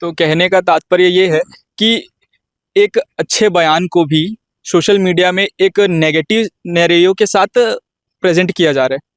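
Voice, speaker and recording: Guy hosting a panel talk, kinda high voice, dry room, keeps it moving. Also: measured pace, no room sound. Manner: moderating, brief acknowledgments. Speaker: host. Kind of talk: studio panel discussion.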